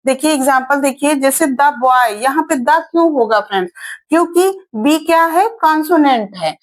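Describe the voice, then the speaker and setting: High-voiced woman teaching grammar. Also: low-quality recording. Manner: repeats points, asks and answers her own questions. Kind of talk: explanatory lesson.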